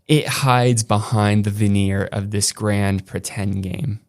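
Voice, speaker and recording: A man hosting a podcast, narrating a documentary script in a measured, earnest and emphatic way. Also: on the low side, fairly even intonation. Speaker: podcast host. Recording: narration over clear music.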